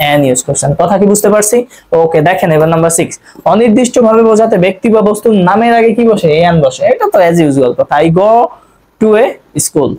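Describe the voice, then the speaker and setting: A young Bangladeshi English tutor runs an online grammar lesson, firing off quick questions, answering them himself, and repeating each rule to drill it in. His voice is high-pitched and a little mellow, and the audio is poor.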